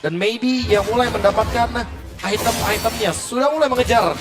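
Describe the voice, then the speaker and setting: A man's voice: extremely high pitch, moderate pace. A man with an Indonesian accent giving explanatory, analytical esports commentary peppered with English gaming terms. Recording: loud music behind voice.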